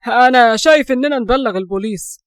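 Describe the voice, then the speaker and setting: A woman's voice: on the high side, fast, no room sound, studio quality, lightly acted. A woman voicing an indignant Egyptian man.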